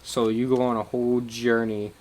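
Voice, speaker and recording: A man's voice: mid-range voice, level tone, moderate pace, darkish tone. A man chatting casually on a live stream, rambling and swearing as he recaps a game, laughing often.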